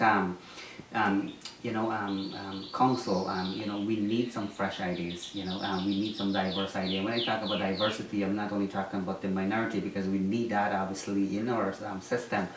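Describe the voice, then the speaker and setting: A man from Guyana answering interview questions, speaking hesitantly with many ums and restarts. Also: on the low side. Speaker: interviewee, former mayoral candidate. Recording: roomy echo, distant mic, faint noise.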